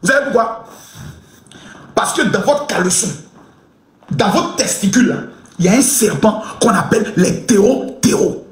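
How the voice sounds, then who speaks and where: A man ranting in a live commentary, shouting insults with mocking laughter. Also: sits high. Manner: animated, swings between chanting and fast talk. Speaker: online commentator. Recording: echoey room.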